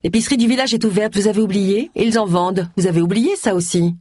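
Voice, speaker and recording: A woman's voice: medium pitch, quick pace, warm tone, dry recording, voice pushed up, close to an everyday voice. A woman reading as a curt retired man in his sixties. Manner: curt, dry.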